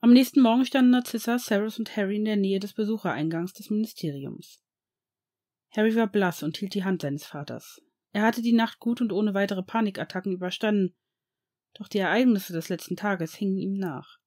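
A reader narrating a fan fiction story in an even storytelling manner. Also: mid-range voice, fairly quick.

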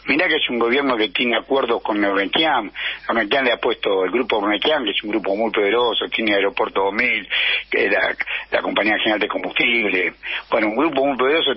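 A man with a Rioplatense Spanish accent, an economics commentator giving a steady explanation over a phone line into a radio show. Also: fairly low pitch, husky. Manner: steady explanatory delivery, listing names. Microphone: phone line into radio studio.

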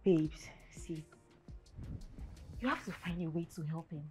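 An actress playing a playful, teasing best friend with a Nigerian accent. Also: female voice, deep voice, measured pace, music in the background. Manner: playful, cheeky.

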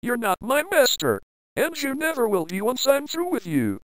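A woman's voice: a little high, wildly swooping pitch, moderate pace, no room sound, clean studio sound. A woman voicing a defiant young hero who heatedly refuses to be controlled, in a fan audio drama.

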